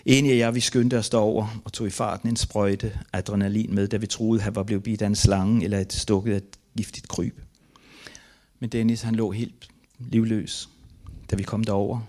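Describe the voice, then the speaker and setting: An older man from Denmark, a missionary giving a testimony, reads aloud from his own memoir in an earnest, grief-laden and halting way. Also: fairly low pitch, flat delivery, a little mellow.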